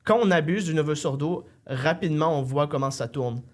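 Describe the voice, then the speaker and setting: A man's voice: a little high, a little fast. A man hosts an interview with a slightly raised voice. He asks questions thoughtfully, hedges his points and fills gaps with many small sounds. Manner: thoughtful, hedging with many fillers. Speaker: interview host. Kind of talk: casual interview conversation.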